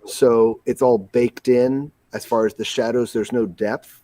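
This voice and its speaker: A man's voice: mid-range voice, steady tone, a little slow, mellow. A man hosting a casual podcast chat, talking eagerly and in detail, laughing easily.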